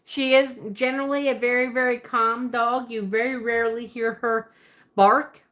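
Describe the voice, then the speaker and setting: A Pennsylvania woman hosting a livestream answers viewers in a slightly high, fairly bright voice with a flat delivery at normal speed. Her Pennsylvania Dutch accent carries a Southern twist, and she rambles casually, laughs often, and self-corrects.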